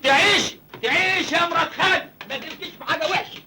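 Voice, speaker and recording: A cheeky, penniless village lad in an Egyptian film comedy, talking in a high, bright voice at a rattling speed. He jokes and whines about his hunger and his luck. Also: very fast, slight background noise, heavily acted. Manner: cheeky, joking, self-pitying. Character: naive cheeky village man, young, penniless.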